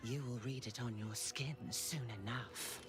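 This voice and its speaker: A woman's voice: rumbling low, fairly even intonation, measured pace. An actress voicing a sinister female voice in someone's head, whispery and drawn out, heard from a video game. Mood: menacing. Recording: game audio over music.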